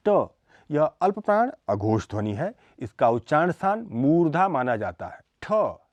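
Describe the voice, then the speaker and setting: Slow, lively-pitched male lecturer. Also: dry recording. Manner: slow and deliberate, listing sounds one by one. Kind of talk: scripted educational lecture.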